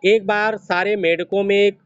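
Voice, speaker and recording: A man's voice: high voice, steady tone, normal speed, clear, resonant tone, no room sound. A man giving a preachy motivational speech to an audience, repeating phrases for emphasis. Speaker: motivational speaker. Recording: dry, dull lo-fi sound.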